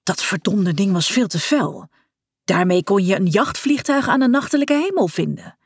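A woman narrating a story in a breathy voice, with wry, expressive delivery. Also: mid-range voice, moderate pace, no echo, clean studio sound. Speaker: audiobook narrator.

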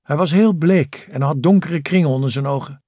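A man narrating a novel as an audiobook in calm, even scripted storytelling. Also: a little high, fairly quick, no echo, clean studio sound.

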